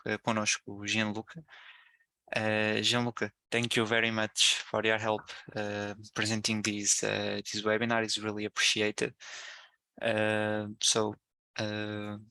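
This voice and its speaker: A man's voice: lowish voice, sharp tone, clear, resonant tone, no room sound. A man with a European Portuguese accent, hosting and introducing an online webinar. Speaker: webinar host.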